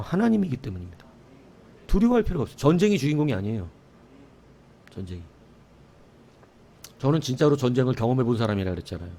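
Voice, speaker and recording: A man's voice: mid-range voice, a little mellow. A middle-aged man preaching a sermon as pastor, telling a story with sound effects and asides to the congregation.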